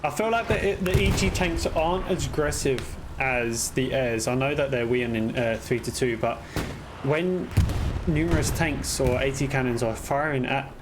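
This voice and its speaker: A man with a mid-range voice commentates a video game match as an esports caster. He reacts to the play in short exclamations, trading remarks with a partner. Gunfire, artillery and clicks from the game are clearly audible behind him. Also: mid-range voice, moderate pace, noisy background.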